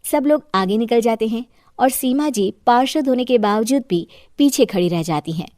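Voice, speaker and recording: Woman, story narrator, scripted moral tale, moderately high pitch, dry close sound. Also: animated, moderate pace, a little mellow, dry recording.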